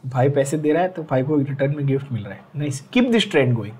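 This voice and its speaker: A young man with an Indian accent teaching a biology exam-prep lecture, chatty and joking, slowing right down to dictate key lines. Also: medium pitch, lively intonation, darkish tone.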